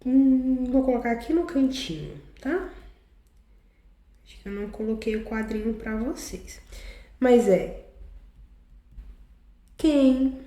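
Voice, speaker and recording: A woman teacher explains a lesson patiently, piece by piece, often ending sentences with a quick check on her students. Her voice sits a bit high but sounds mellow. The room around her is noticeably echoey. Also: animated. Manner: explains slowly, often tags sentences with a question. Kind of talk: online class lesson.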